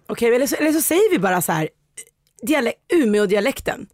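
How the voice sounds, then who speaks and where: A woman's voice: on the high side, no echo. Woman guesting on a podcast, opinionated and chatty, dry close mic. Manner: lively, opinionated, animated. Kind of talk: casual chat.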